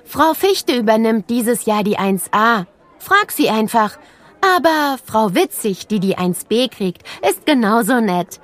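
Brief: woman voicing cheerful third-grade girl in an audiobook, high and lively, bubbly. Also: measured pace. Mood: eager. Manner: eager, bright and bubbly. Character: chatty cheerful schoolgirl guide, third grader.

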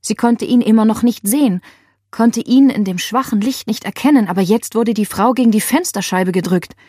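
Woman, audiobook narrator, thriller reading, husky, dry close sound. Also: on the high side, normal speed, mellow, no echo. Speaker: audiobook reader.

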